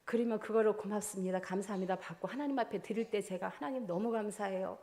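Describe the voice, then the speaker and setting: A woman's voice: mid-range voice, fast talker, dark tone. A middle-aged woman giving a church testimony, telling her story earnestly and acting out her own prayers. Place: church service.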